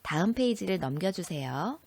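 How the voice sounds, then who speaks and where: A woman high school teacher giving a recorded textbook lesson, explaining slowly and clearly and asking her students questions. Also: very animated, darkish tone, dry recording.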